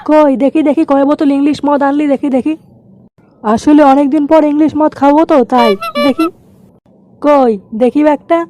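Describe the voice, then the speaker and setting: A man with a West Bengal accent voicing a hot-tempered, foul-mouthed picnic ringleader in a comic cartoon, scolding and blustering through a pitched-up effect. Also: steady tone, normal speed, shouting, background noise. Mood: impatient.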